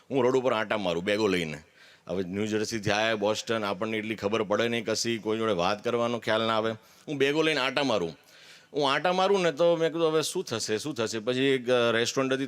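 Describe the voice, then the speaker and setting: A man's voice: mid-range voice, a bit bright. A man gives a candid, earnest personal testimony at a religious gathering, with emphatic declarations.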